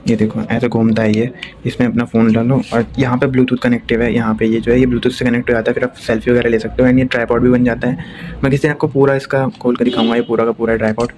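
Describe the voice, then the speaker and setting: A young man rambles through his day in a brisk, flat-toned daily vlog, filmed on a phone he holds himself. Clear background noise sits under his voice throughout. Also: mid-range voice. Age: young adult. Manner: chatty, rambling, talking to camera about his day. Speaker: vlogger. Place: home and rooftop. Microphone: phone held in hand.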